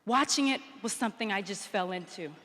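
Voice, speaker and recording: Bright-voiced woman speaking in a hall. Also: medium pitch, brisk. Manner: storytelling, acts out quotes with rising energy. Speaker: public speaker. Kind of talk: motivational conference speech. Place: conference hall, indoors. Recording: reverberant conference hall.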